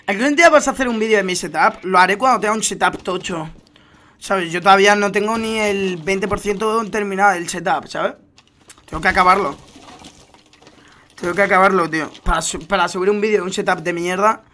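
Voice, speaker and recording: A man's voice: sits high, fairly quick. Slangy young man from Spain streaming. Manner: slangy, animated storytelling. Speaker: gaming streamer. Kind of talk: casual gaming stream chat.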